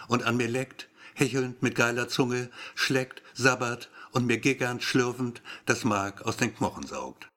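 A man's voice: medium pitch, fairly bright tone. A man reading a story aloud as scripted first-person narration, with a wry, brooding inner-monologue manner. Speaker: audiobook narrator.

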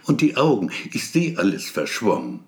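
A man's voice: fairly low pitch, huge pitch swings, moderate pace, darkish tone. Man voicing a weary man near fifty. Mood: subdued.

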